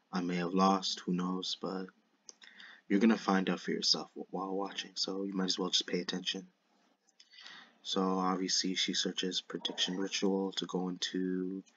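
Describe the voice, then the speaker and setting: Casual male gaming YouTuber, slushy lisp, monotone delivery, dull dry recording. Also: low voice, slightly rough. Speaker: YouTuber narrating a card game replay. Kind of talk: casual gameplay commentary. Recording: dull lo-fi microphone.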